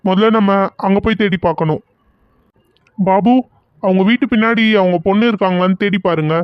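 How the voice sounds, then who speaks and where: A man voicing a calm, matter-of-fact young man in a cartoon serial. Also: sits high, fairly quick, clear, resonant tone, no room sound, lightly acted. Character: young man, shopkeeper and police officer. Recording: dull lo-fi with music.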